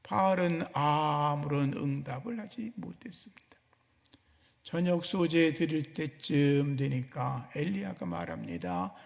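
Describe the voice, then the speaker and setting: Gravelly, lively man preaching dramatically. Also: fairly high pitch, measured pace. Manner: dramatic storytelling. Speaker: senior pastor. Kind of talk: sermon. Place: church sanctuary. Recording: church hall with long reverb.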